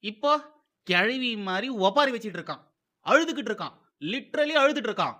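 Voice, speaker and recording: A man's voice: sits high, big pitch swings, fairly quick, bright, forceful tone. A man hosting political commentary, mocking and sarcastic, who repeats phrases for emphasis.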